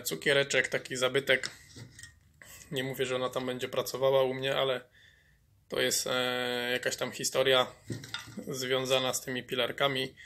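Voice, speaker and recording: A man restores an old chainsaw on his workshop bench, explaining each fault as he goes, with plenty of fillers and repeated words. His medium-pitched voice sounds pushed and bright, with slight background noise.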